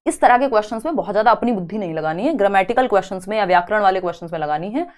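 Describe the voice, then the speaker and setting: A woman's voice: medium pitch, expressive, rapid-fire, a little mellow. A young woman teaching an exam prep grammar lesson live online, explaining step by step and asking the class questions. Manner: chatty explaining, rhetorical questions to students.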